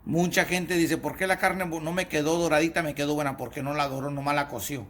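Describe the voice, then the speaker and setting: A man's voice: on the high side, fairly even intonation, fairly quick, a bit bright, slight background noise. Folksy man cooking in an echoey kitchen. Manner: folksy, coaxing, repeatedly addresses the viewer. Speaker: home cooking demonstrator. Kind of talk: cooking demonstration. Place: home kitchen by the stove. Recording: echoey kitchen with frying sizzle.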